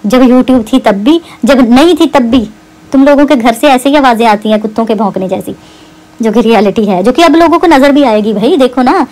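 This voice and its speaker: A woman's voice: a little high, a little mellow, rough recording. Taunting woman ranting. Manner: taunting, mocking, repeats her jabs. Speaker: YouTuber responding to a rival. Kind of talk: heated rant to camera.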